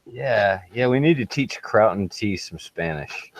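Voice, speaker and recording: A man's voice: on the low side, expressive, a little slow, no echo. A man hosting a casual podcast chat, joking and laughing often. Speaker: podcast host.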